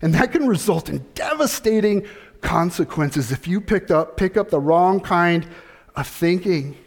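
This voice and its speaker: This middle-aged pastor preaches slowly and deliberately, yet with an animated delivery. His voice is a touch high for a man, and he keeps returning to repeated phrases and rhetorical questions.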